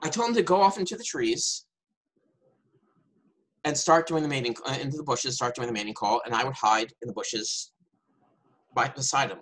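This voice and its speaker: A man's voice: mid-range voice, moderate pace, long pauses, a bit bright, poor audio. A man telling a playful tall tale and hosting turns in an improvised storytelling game over a video call. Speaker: game host and player.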